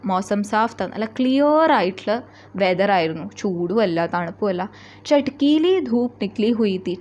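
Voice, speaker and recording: A woman teacher from Kerala. She reads a story line by line, slowly, then explains each line quickly in a chatty way. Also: mid-range voice, darkish tone, muffled recording.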